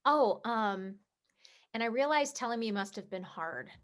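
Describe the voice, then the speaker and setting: A woman playing a heartbroken, sharp-tongued young sports reporter in a comedy play reading over a video call, swinging into emotional, sarcastic outbursts. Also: fairly high pitch, lively intonation, a little slow, a little hiss or hum. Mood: tearful.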